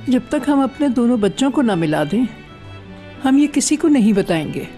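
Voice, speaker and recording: A gentle older woman. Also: on the high side, big pitch swings, normal speed, faint music behind. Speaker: dubbing actor. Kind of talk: Urdu-dubbed TV drama.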